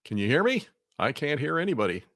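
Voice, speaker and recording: A man's voice: a little high, big pitch swings, quick pace, a bit bright, dry recording, studio quality. A man speaking as a remote guest over a video call, giving heated, emphatic political commentary and often repeating words. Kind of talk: talk show commentary. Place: Missouri.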